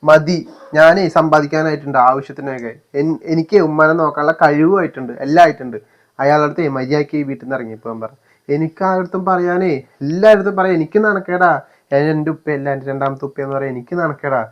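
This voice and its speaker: A man's voice: on the high side, fast talker, dull audio, lightly acted. A young man with a Malappuram Malayalam accent playing a resentful son who bitterly rejects his stepfather in an amateur family short film. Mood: angry. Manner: bitter, defiant outbursts. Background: faint music.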